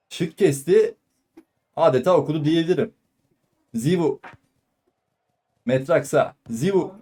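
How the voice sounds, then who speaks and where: A man giving live football play-by-play in clipped phrases, calling out player names and shouting excitedly at goals and shots. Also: a little high. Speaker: football commentator. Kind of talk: live play-by-play match commentary.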